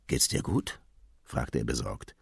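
Man playing a fussy, worried clownfish dad for a storybook, low and close. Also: wildly swooping pitch, slow pace, husky, no echo, full character voice. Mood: fretful. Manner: worried, fretful. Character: anxious father clownfish, fussy and overprotective. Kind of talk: storybook reading.

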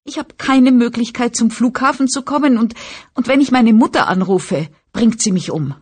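A woman's voice: on the high side, a little mellow, husky, pitched above the performer's own voice. Woman putting on a weepy, whining young girl. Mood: whining, tearful. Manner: whining, sobbing, rushed. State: crying. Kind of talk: audiobook character voice.

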